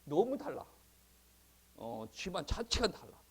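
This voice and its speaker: Male pastor, higher pitch, chatty sermon style with chuckles. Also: unhurried, husky. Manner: conversational and animated, with frequent chuckles. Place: church.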